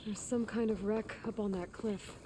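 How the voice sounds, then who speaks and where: An actress playing a young woman hunter in a video game, calm, practical and reassuring. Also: mid-range voice, moderate pace, noisy background, natural voice. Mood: steady. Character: young woman hunter, steady, resolute explorer. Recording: game audio under loud music.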